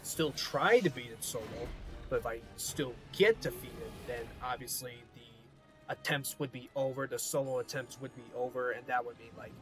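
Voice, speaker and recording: A man's voice: medium pitch, moderate pace. A man hosting a gaming video with casual, rambling commentary that often repeats itself. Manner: rambling, repetitive explaining. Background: music.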